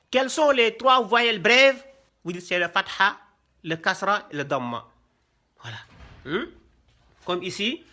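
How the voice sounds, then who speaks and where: A man's voice: high voice, bright, forceful tone. A man from Senegal teaching a Quran reading lesson in Senegalese-accented French, stretching out syllables and asking "hein?" to check on his class. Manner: drawn-out syllables, frequent "hein?" prompts. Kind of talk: slow classroom lesson with repetition.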